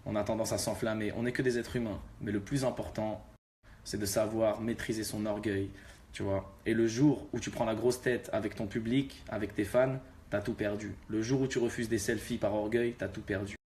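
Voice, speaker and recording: A young rapper talks straight to his fans in a relaxed, slangy way, his voice sitting low. A faint hum lingers under the recording. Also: normal speed. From Algeria. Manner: laid-back, street slang, addresses viewers directly. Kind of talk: casual talk to fans.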